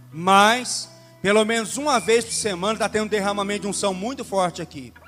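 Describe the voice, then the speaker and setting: Guy preaching hard in a church hall, really high voice, lots of reverb and soft music behind. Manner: impassioned, emphatic repetition. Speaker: pastor. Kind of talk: sermon.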